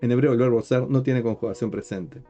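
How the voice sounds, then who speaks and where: A man's voice: medium pitch, steady tone, fairly quick, vocal fry, warm tone. A man speaking as a rabbi, explaining a point step by step, pointing at written material and often checking understanding with rhetorical questions. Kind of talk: explanatory teaching talk. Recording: dull lo-fi sound with faint guitar music.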